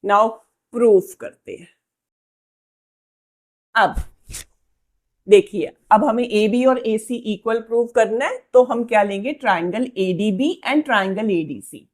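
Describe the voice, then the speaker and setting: A woman as a patient maths teacher, fairly high voice, unhurried proof dictation with frequent checks on students. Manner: slow, dictating proof steps word by word, often checking "ठीक है?". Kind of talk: Hindi-English maths lesson at a whiteboard.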